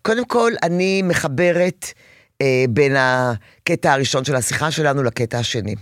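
A woman giving parenting advice to a caller on a radio call-in show, animated and acting out children's pleading voices. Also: a bass voice, no echo, studio quality. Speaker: parenting advisor.

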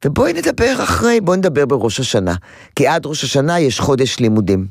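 Male radio parenting advisor: animated, pitch swings widely, acts out what people say, dry close studio sound. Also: creaky, no echo. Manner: animated, acts out quotes, repeats words for emphasis. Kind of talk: advice to a caller.

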